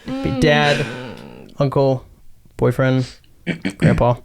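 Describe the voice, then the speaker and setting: A man hosting a chat podcast, relaxed and encouraging as he asks his guests questions. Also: mid-range voice, slow pace, creaky, roomy sound, a little hiss or hum. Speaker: podcast host. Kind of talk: casual chat.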